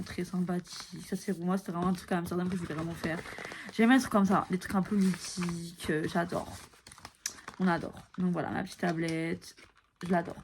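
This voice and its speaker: A woman's voice: on the low side, gravelly, a little mellow, a little hiss or hum. A woman in her early twenties chatting casually to camera, tired and mixing English phrases into her talk. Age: early 20s. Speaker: vlogger.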